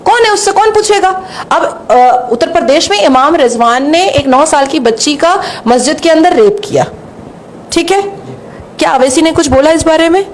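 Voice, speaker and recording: Woman commentator, fairly high voice, emphatic and repetitive delivery. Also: lively intonation, moderate pace, a little hiss or hum.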